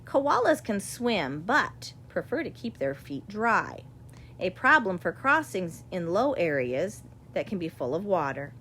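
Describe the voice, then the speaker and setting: A woman reads a children's nature picture book aloud as an audiobook narrator, with deliberate, expressive phrasing. Her medium-pitched voice rises and falls in a lively way, and faint but steady noise sits behind the recording.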